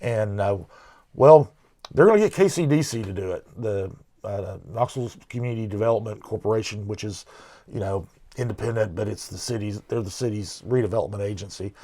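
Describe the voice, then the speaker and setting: A man's voice: lowish voice, fairly quick, dark tone. A middle-aged man co-hosting a local news podcast, talking casually with many restarts and fillers. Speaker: podcast co-host.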